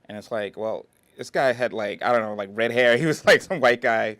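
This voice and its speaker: A man's voice: medium pitch, a little fast, fairly bright tone, dry recording. A man with a mid-range voice, recorded close and dry, who tells a story in an amused, chuckling way. He is a filmmaker recalling the casting process during an interview. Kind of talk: anecdote in an interview.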